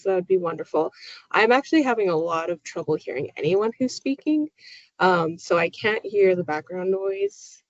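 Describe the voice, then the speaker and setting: A woman's voice: fairly low pitch, no echo. A woman moderating a webinar, her voice muffled by a poor microphone.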